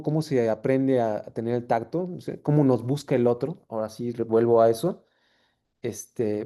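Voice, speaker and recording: A man's voice: mid-range voice, dark tone. A man, a physician and anthropologist giving a seminar talk, reflective and self-correcting with many fillers. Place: seminar room or video call.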